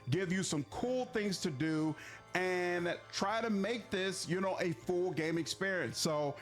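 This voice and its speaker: A video game reviewer with a high-pitched voice offers conversational, explanatory opinion commentary over soft background music. He is measured but puts emphasis on key words.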